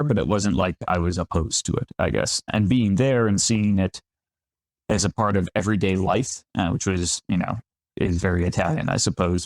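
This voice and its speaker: Chatty and self-deprecating, a man in his thirties from the Finger Lakes in upstate New York appears as a winemaker guest in a conversational podcast interview, frequently starting his sentences over. His voice is very low. The sound is dry and close, with no room echo.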